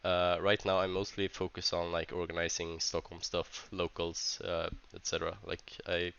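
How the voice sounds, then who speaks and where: A man with a Swedish accent, a tournament organizer who speaks English as a second language, reads a vlog script in a halting, hesitant way with many restarts while sounding stuffy from a cold. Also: sits low, monotone, creaky, fairly bright tone, smooth, dull audio. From Sweden.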